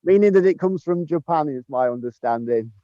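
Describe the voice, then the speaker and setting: A man's voice: fairly high pitch, expressive, fairly quick, mellow, dry recording, muffled recording. A man, the head gardener, chatting casually outdoors in a sunny garden as he films on a handheld phone, chuckling often between ums. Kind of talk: casual garden tour chat. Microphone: handheld phone camera while walking.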